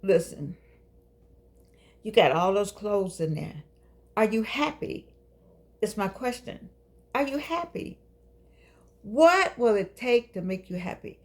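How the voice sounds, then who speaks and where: Speaking slowly with long pauses, an older woman hosts her own show in an animated, medium-pitched voice. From her home studio with a keyboard, she delivers a casual monologue that's playful, preachy and coaxing. She draws out phrases for effect.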